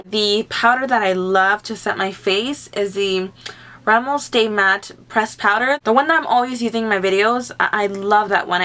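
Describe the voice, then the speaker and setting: A woman's voice: medium pitch, fairly bright tone. A woman of twenty from California, chatting casually and upbeat as a beauty vlogger answering viewer questions. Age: 20s. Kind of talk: casual chat.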